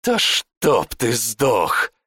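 A man voicing an enraged male warlock who screams curses in a high strained voice. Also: very animated, slow, a bit bright, dry recording, clean studio sound, full character voice. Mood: furious. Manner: screaming curses, shrill with rage.

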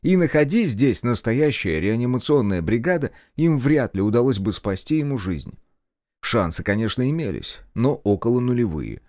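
A male narrator tells a grim first-person story in a middle-pitched voice that rises and falls a lot. The sound is close and dry, with no room around it. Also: moderate pace, no room sound. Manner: lively, shifts into shouted dialogue for arguments. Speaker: audiobook narrator.

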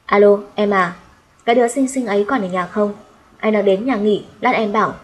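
A woman's voice: medium pitch, fairly quick, natural voice. A lecherous male regular customer calling in a casual, overly familiar way, voiced by a woman narrator. The delivery stays close to her plain audiobook voice.

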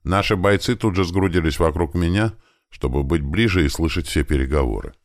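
Very deep gravelly male narrator. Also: a little fast, no room sound, clean studio sound. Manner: steady storytelling with lively shifts. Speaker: audiobook narrator. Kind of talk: first-person audiobook narration.

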